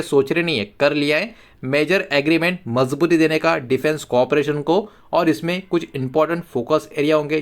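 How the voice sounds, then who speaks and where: A man with an Indian accent presenting market news as an explainer, going point by point. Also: on the high side. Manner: repetitive hedging catchphrases, point-by-point explaining. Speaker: finance news YouTube host.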